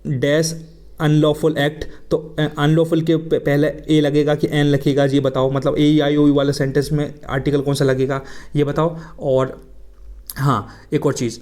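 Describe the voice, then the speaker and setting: Chatty Indian English teacher, a bit high. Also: male voice, level tone, unhurried, a little mellow. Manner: chatty, addresses viewers as friends, mixes Hindi and English. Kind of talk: casual video lesson.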